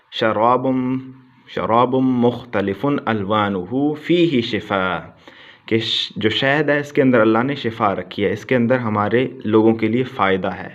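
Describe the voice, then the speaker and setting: Man teaching Quran pronunciation, dull lo-fi sound. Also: mid-range voice. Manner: patient, repeats words slowly to drill the difference. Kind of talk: explanatory Urdu lesson on Quran pronunciation.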